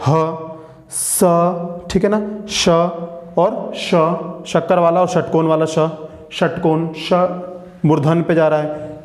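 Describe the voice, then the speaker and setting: High-voiced male teacher in echoey room. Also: a little mellow. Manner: repeats sounds slowly, asks students to repeat. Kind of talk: classroom grammar lesson.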